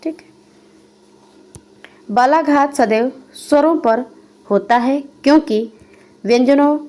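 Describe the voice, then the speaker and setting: Woman, young adult, grammar teacher, mellow tone, lists examples one by one. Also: sits high, slow. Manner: reads a definition, then re-explains it in plain words. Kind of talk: exam-prep grammar lesson.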